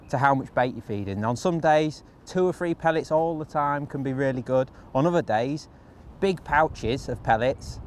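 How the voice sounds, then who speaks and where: Casting note: male angler-host, mid-pitched voice, chatty hands-on how-to delivery, outdoors with faint background noise. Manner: practical, chatty step-by-step explaining. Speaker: angler demonstrating fishing rigs, channel host. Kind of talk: instructional how-to talk. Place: outdoors by a lake on a windy day.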